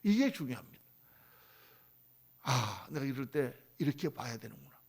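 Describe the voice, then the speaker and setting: Gravelly-voiced man preaching a sermon. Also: medium pitch, big pitch swings, moderate pace. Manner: swings between loud emphatic lines and soft hushed ones; acts out quoted people in conversational asides. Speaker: pastor. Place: church sanctuary.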